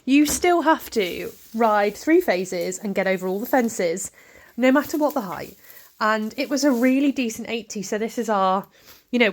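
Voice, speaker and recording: Chatty woman narrating her riding footage. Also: mid-range voice. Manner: chatty, rambling, lots of ums. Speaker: vlogger and event rider. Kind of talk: casual voice-over over riding footage.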